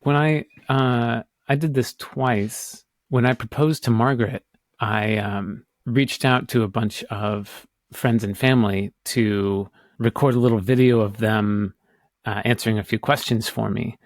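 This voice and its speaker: Male podcast co-host from the US, rambling and hesitant, mid-pitched, dry close mic. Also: steady tone, unhurried, dry recording. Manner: hesitant, rambling, full of restarts. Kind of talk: casual chat.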